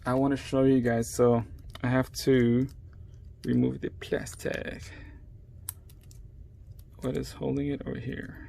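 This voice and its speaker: Gravelly male tutor, casual workshop chat, faint background noise. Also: medium pitch, little pitch movement, slow pace, pauses often, mellow. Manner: chatty, talks to viewers while working with his hands. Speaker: phone repair tutor. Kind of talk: casual step-by-step repair demonstration. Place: at his workplace, a repair shop.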